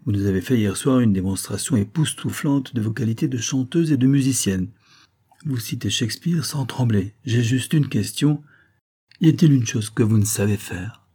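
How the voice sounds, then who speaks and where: A man voicing a polite, admiring gentleman who speaks with courteous, lightly amused ease. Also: medium pitch, normal speed, breathy edge, lightly acted.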